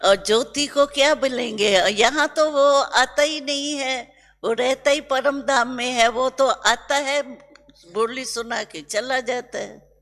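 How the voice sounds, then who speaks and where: A kind, unhurried elderly spiritual father, as an older woman puts him on in a spiritual talk, speaking softly and with affection in a slow, measured way. The voice carries a long reverb from a hall. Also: high-pitched, pitched above the performer's own voice, exaggerated voice. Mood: explaining. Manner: soft, affectionate, calls listeners children.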